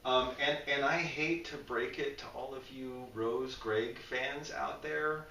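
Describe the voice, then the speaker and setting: A man's voice: mid-range voice, slow pace, echoey room, distant mic, a little hiss or hum, rough recording. A man co-hosting a casual fan discussion, talking with feeling, tripping over and repeating his words. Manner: animated, emotional, stumbles and repeats words. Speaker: podcast co-host.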